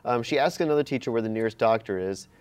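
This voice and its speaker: With a smooth, medium-pitched voice and a quick pace, a co-host animatedly runs through a movie plot alongside the other hosts in the room, chuckling and acting out quotes as he narrates.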